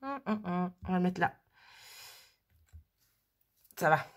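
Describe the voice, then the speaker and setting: A woman's voice: on the low side, animated, slow pace. A woman casually thinking aloud as she works on a craft project, chatting and muttering to herself at her worktable. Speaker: crafting vlogger.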